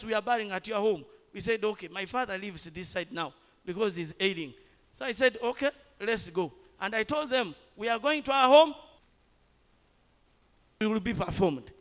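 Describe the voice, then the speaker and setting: A man preaching a sermon, telling a testimony and building to loud exhortation. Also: sits high. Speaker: pastor. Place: large chapel with long reverb. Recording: reverberant church hall.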